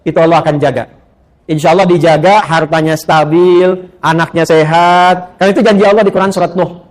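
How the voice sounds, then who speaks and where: A middle-aged man delivers a sermon to an audience of women, with a voice pitched a little high. He tells stories with animated rises and drops to soft, quiet asides. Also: a little fast. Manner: animated storytelling with rising exclamations and soft asides. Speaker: preacher.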